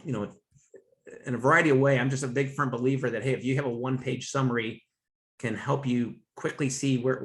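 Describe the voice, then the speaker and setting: A finance consultant guesting on a business podcast speaks with a mid-range, slightly bright voice, enthusiastic and rambling with frequent restarts in a conversational interview. A roomy echo colors the audio.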